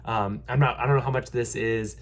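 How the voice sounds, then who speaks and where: In a casual vlog, a young realtor with a stuffy, nasal head cold rambles through a local housing market update at a slightly quick clip. His mid-range voice stays steady, upbeat and reassuring, even as he fills pauses with ums and restarts his sentences.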